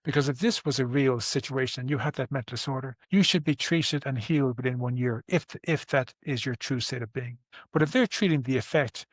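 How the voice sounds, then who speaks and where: Fairly quick and mid-range, the voice belongs to an Irish therapist in his sixties discussing his approach conversationally. He earnestly restarts and repeats words and illustrates points with everyday examples. The recording has no echo.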